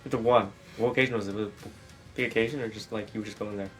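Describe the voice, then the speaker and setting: Guy firing off rambling questions, talks fast, faint music under it. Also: on the low side, fairly even intonation. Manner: rambling questions full of likes. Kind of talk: casual group chat about dreams.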